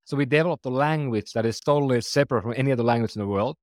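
A man's voice: mid-range voice, very fast, no echo. Finnish man in his forties, dry sound. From Finland. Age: 40s. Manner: earnest, loose phrasing with restarts. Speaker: startup founder and guest. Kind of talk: conversational interview.

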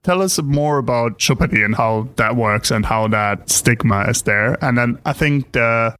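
A man's voice: mid-range voice, normal speed, sharp tone, smooth, no room sound. A man hosting a conversational interview, asking questions attentively and encouraging his guest. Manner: attentive, encouraging, many short acknowledgements. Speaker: interviewer, host.

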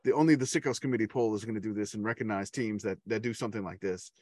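A man's voice: lowish voice, rapid-fire, darkish tone, dry recording, clean studio sound. A man co-hosting a casual sports podcast, enthusiastic and rambling, laughing often. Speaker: podcast co-host.

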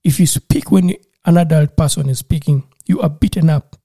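Talking in an informal interview, the Ugandan man is earnest yet slightly halting, often repeating himself when he restarts. His voice, very dark and mellow but on the high side, carries vocal fry and a husky quality, captured in a dry, close recording.

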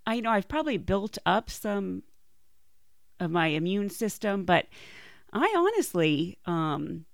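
A woman's voice: mid-range voice, big pitch swings, unhurried, creaky, no room sound, clean studio sound. A woman casually telling personal stories as a podcast host. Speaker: podcast host and flight attendant.

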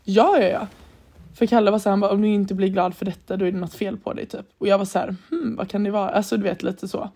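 A woman's voice: mid-range voice, fairly even intonation, warm tone, breathy edge. A young woman from Sweden co-hosting a podcast, telling a story in casual chat and acting out the lines she quotes. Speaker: podcast co-host.

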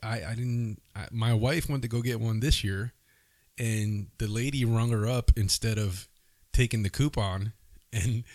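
A man's voice: on the low side, fairly even intonation, a little slow, darkish tone, no echo. A man co-hosting a podcast, chatting casually. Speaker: podcast co-host. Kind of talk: casual chat.

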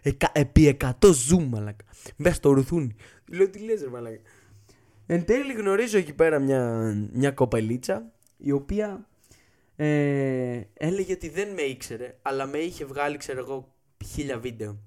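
A man telling a comic travel anecdote in a casual, profane and animated way, acting out the dialogue. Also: fairly high pitch. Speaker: storyteller.

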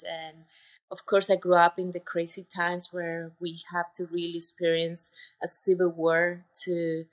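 A woman's voice: lowish voice, a bit bright. A woman from Colombia with a Colombian accent, speaking earnestly as a podcast guest, with many fillers. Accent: Colombian Spanish. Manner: earnest, heartfelt, with frequent fillers. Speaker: podcast guest, retreat center owner. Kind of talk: casual interview conversation.

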